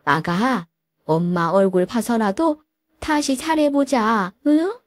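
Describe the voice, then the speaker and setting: A woman's voice: fairly high pitch, slow, no room sound, clean studio sound. A woman voicing a scheming older mother-in-law who wails and pleads melodramatically in a storybook tale. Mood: wailing pleading. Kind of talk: storybook role-play.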